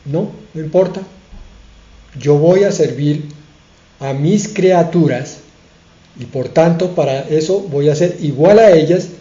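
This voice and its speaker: Man, pastor, earnest sermon, emphatic pauses, mellow voice, echoey room. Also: on the high side. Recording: echoey room, dull sound.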